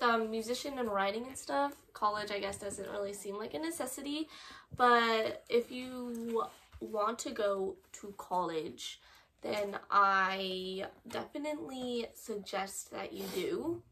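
Bright, high-voiced young woman chatting casually. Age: young adult. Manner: halting, informal, filler-heavy. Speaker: co-host reading viewer confessions and giving advice. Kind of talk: casual chat, reading messages aloud and commenting. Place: small room at home, indoors.

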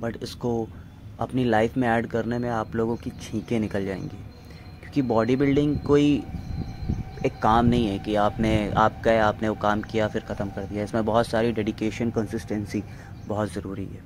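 A man's voice: lowish voice, fairly even intonation, moderate pace, darkish tone, slight background noise. A young man, hosting a fitness channel, giving earnest, blunt motivational advice in a voice-over with English words mixed in.

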